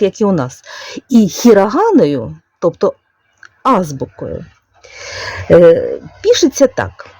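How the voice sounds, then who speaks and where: A woman with a Ukrainian accent talks in a relaxed, chatty way, her pitch rising and falling freely. Her voice is mellow and warm, and the recording is close and dry. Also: no room sound. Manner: chatty and unhurried, with soft diminutives. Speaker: knitting vlogger. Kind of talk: casual chat, explaining calligraphy.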